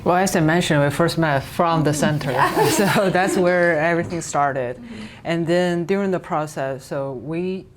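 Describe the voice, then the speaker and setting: Low-voiced woman professor and co-founder. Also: music in the background. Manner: brisk, with uh fillers and short laughs. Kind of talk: interview answers.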